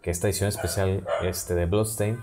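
Low-voiced northern Mexican man chatting casually. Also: steady tone, a little fast, dark tone, faint music behind. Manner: slangy, rambling. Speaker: podcast co-host. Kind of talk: casual chat about video games.

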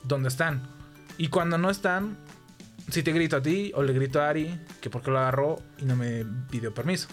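A man's voice: on the high side, moderate pace, faint music behind. A man with a Mexican accent chatting casually as a podcast co-host, rambling and profane with lots of fillers. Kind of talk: casual chat.

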